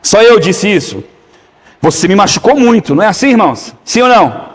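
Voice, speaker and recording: A man preaching a sermon as pastor, his voice sitting high for a man. He keeps turning to the congregation with quick questions and calls for an amen. The sound rings with a long reverb from the church hall. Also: very animated, slightly rough.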